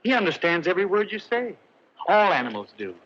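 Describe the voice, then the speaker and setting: A meek, gentle tailor with a highish, lilting voice that swoops about as he coaxes and soothes. It comes from a dull, hissy old film soundtrack in 1950s movie style. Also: very animated, a little fast. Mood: coaxing. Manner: soft, coaxing and cajoling, talks baby-talk to the lion.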